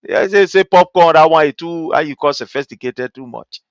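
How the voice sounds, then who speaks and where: A Liberian-accented host delivers impassioned political commentary in a medium-pitched voice. The delivery is indignant and mocking, built on rhetorical questions and emphatic repetition. The sound is dry, with hardly any room to it. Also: normal speed, no echo.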